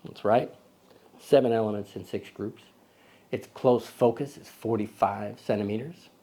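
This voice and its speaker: A man's voice: on the low side, fairly even intonation, measured pace, dark tone. A man hosting a casual lens review vlog, rambling and correcting himself with joking asides, recorded outdoors. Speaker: host of a camera lens video.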